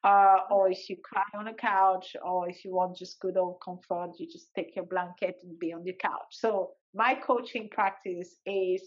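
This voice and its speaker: A woman's voice: fairly low pitch, fairly even intonation, moderate pace, few pauses, lo-fi sound. A woman, a life coach, speaking as a guest in a casual interview, joking and talking playfully.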